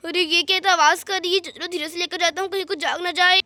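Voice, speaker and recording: A woman's voice: extremely high pitch, fairly even intonation, fast talker, pushed and bright, a little hiss or hum. A woman voicing a sneaky, gloating male thief in a doll story, with mocking laughs. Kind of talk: doll story role-play.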